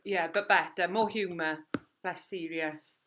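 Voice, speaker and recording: A woman's voice: lowish voice, fairly even intonation, unhurried, noisy background. A Welsh woman chatting casually over a video call, telling stories and laughing often. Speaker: guest. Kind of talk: casual chat.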